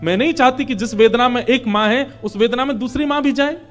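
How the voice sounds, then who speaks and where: A grieving royal mother, played by a man telling a sacred story, pleads that no other mother should suffer as she has. Her voice runs high and bright, and it trembles with pleading sorrow. It is a devotional retelling with faint instrumental music underneath. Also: fairly quick.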